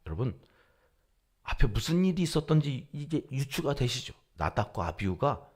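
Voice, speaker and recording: A man preaching a dawn service sermon as pastor, reading scripture and shifting between loud exclamations and hushed, whispered lines. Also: medium pitch, very animated, moderate pace, slightly rough.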